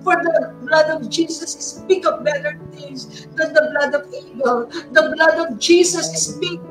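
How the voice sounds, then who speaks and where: A woman's voice: high voice, takes it slowly. A woman with a Filipino accent leading fervent intercessory prayer. She calls out "Lord God" between her phrases and moves between two languages. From Philippines. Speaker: prayer leader. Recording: distant mic with music underneath.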